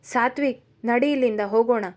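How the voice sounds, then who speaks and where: A woman's voice: a little high, steady tone, normal speed, a little mellow, natural voice. A woman voicing a moody, brooding young man who speaks curtly and impatiently, in a storybook reading. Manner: curt, impatient.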